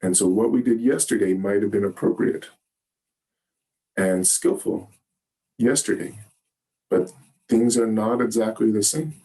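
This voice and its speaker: A man giving a Zen dharma talk, gentle and halting, often pausing to search for words. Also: lowish voice. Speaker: Zen teacher. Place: meditation hall.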